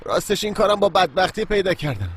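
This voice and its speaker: Brief: pleading young groom, slightly high voice, faint score. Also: male voice, big pitch swings, slightly rough, heavily acted. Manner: pleading, defensive. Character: young man torn between fiancée and family. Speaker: dubbing actor. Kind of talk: Persian dub of a Turkish series.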